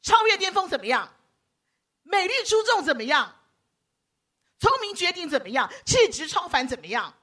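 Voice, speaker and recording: A woman preacher delivers a lively sermon, joking with her congregation and acting out the voices she quotes. Her voice sits high and bright, swinging widely in pitch. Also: normal speed, pauses often. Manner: animated, teasing, acts out quoted voices. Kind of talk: lively sermon with audience banter.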